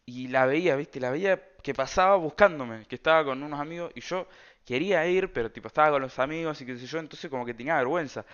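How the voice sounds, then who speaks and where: Argentine dude rambling thru a story, slangy and full of fillers, smooth clear voice, kinda muffled lo-fi sound. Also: male voice, fairly high pitch, fast, a bit bright. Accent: Argentine Rioplatense Spanish. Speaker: storyteller vlogger. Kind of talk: casual storytime monologue.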